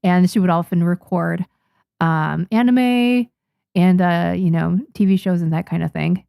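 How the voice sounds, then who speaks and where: This manga artist streamer, a young native Japanese speaker from Japan, chats casually with her livestream audience as she reads their comments, restarting often and laughing softly. She speaks at a measured pace in a low, gravelly, dark voice that is clear and resonant, captured in a clean studio with no echo.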